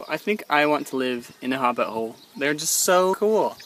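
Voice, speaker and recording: A man's voice: a little high, lively intonation, normal speed, a bit bright, a little hiss or hum. A man vlogging casually outdoors on a path, enthusiastic about what he sees. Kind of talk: casual travel vlog.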